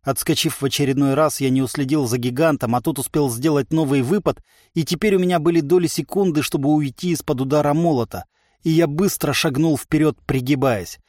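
A man narrating a first-person audiobook in a lively, ironic manner. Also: fairly high pitch, a little fast, no room sound, studio quality.

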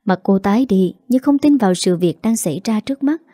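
A woman reads a romance audiobook in a steady and dramatic way. Her voice is mellow and soft-edged. The recording is dry and close, with no room sound. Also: medium pitch, a little fast, no echo. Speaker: audiobook narrator. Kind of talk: scripted story narration.

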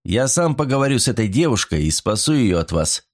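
A man voicing a cool young gentleman who answers coldly and firmly. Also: mid-range voice, sing-song, a little fast. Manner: cold, firm.

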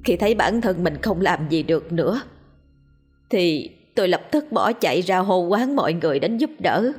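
A woman's voice: lowish voice, lively intonation, normal speed, darkish tone, breathy edge, faint music behind. A woman voicing a grieving village wife who pleads with the elders humbly and tearfully. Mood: recounting.

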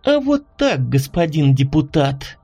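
A man's voice: fairly high pitch, lively intonation, moderate pace, a little mellow, soft background music. Audiobook assassin, female, cool and sly, mocking, slightly raised voice, read by a man. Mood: sly calm. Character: cold, mocking female contract killer.

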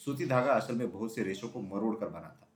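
A man's voice: fairly low pitch, brisk. Man reading a children's story aloud. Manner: steady, drops voice on dialogue tags. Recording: roomy echo.

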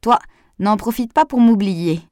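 A woman's voice: mid-range voice, unhurried, a little mellow, no echo, clean studio sound, pitched above the performer's own voice, natural voice. A woman reading aloud, giving voice to a grumbling older man who complains about old houses. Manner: gloomy, complaining.

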